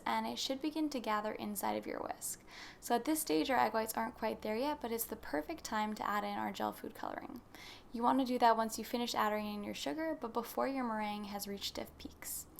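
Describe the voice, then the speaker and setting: A woman's voice: on the high side, gravelly, slight background noise. A young woman narrating a baking recipe as a voice-over, explaining each step in a friendly instructional way. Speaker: baking channel host.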